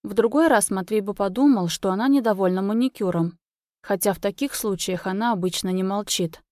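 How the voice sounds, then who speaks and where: A woman reading a novel aloud in an even, measured narration. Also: mid-range voice, no echo, clean studio sound. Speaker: audiobook narrator. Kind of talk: scripted narration.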